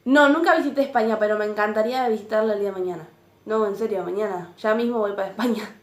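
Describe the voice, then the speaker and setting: A woman's voice: medium pitch, rapid-fire, slight background noise. An eighteen-year-old woman with an Argentine accent gives playful, joking answers. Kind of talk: casual interview answers. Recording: roomy echo.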